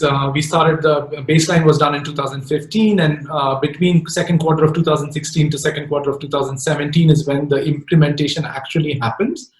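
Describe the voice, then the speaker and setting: Male professor, slightly high voice, explanatory lecture manner with fillers; echoey hall sound. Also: darkish tone. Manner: explanatory, frequent "right?" and "um" fillers. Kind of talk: academic lecture.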